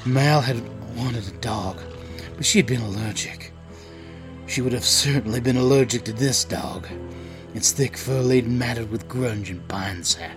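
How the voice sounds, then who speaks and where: In a post-apocalyptic audio drama, an actor voices a desperate, protective father, narrating in the first person with tense, deliberate delivery. The mood is wary and tense, and his medium-pitched voice is lightly acted.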